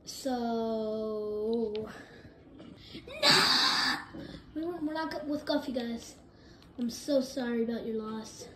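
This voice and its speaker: A woman giving excitable live gameplay commentary, jumping between hyped shouts and low mumbles. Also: measured pace. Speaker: gaming video creator. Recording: roomy echo with faint noise.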